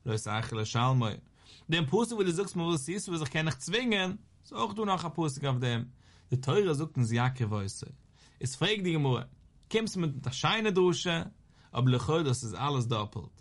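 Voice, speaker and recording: A man's voice: a little high, very animated, moderate pace. Man teaching Talmud. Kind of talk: Talmud lesson.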